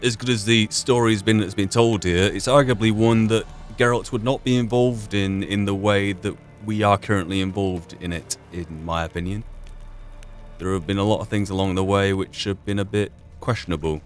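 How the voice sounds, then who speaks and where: Speaking at a normal speed in a fairly low, steady tone, a gamer offers solo reflections on a roleplay playthrough. He muses philosophically in and out of character, raising rhetorical questions as video game music plays.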